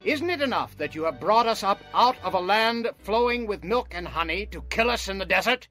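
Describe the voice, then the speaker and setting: A man's voice: sits high, expressive, a little fast, bright, forceful tone. An actor playing a bitter, defiant male rebel who speaks with scorn, with faint music behind.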